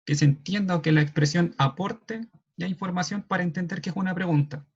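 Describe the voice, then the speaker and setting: A man with a Chilean Spanish accent explaining signs in an online class, checking in often with a quick questioning "ya". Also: high voice, breathy edge. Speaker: sign language class moderator. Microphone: video call. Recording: dull lo-fi video call audio.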